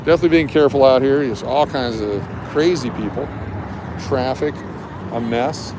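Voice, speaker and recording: Traffic and live music fill the background as a man walks city sidewalks at night, hosting a casual livestream into a handheld camera or phone. He has a medium-pitched voice and keeps a moderate pace.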